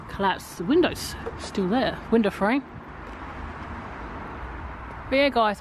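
A young woman chats to her viewers as she picks her way around an overgrown ruin, now and then calling softly for spirits. She is recorded outdoors on a handheld phone, with clear background noise around her. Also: medium pitch. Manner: chatty, addresses viewers as guys, hushed spirit calls. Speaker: paranormal explorer vlogger. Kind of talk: casual vlog narration to camera. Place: outdoors at a ruined overgrown gatehouse. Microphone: phone held at arm's length.

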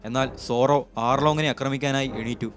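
A man recaps an anime episode as a scripted story, reading in a steady storytelling style on a close voice-over mic. His voice is mid-range and fast, with clear music playing behind it.

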